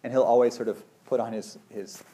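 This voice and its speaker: A man's voice: mid-range voice, fairly even intonation, a little fast, dark tone. A man in his forties, a meditation teacher, talking in a thoughtful, meandering way, full of "you know" and "like". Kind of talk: casual conversation.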